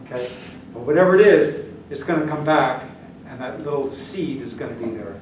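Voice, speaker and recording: An older lecturer whose first language is German speaks with a medium-pitched, darkish voice at a moderate pace while teaching statistics at a whiteboard. His manner is casual and frank, with repeated check-ins with the class. Heard from a camera at the back, the room sounds echoey, distant, and noisy.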